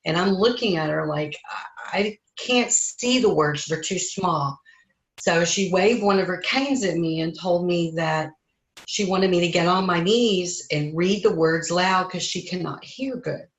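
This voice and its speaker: A woman slowly and earnestly telling a personal spiritual story in conversation, halting as she goes. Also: on the low side. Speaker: interviewee sharing a spiritual story. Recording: echoey room.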